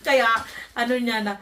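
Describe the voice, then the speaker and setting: A woman from the Philippines, a vlogger, telling a personal story in an animated, emphatic way, often breaking into laughter. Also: a little high, recorded from a distance, a little hiss or hum. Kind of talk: casual storytelling.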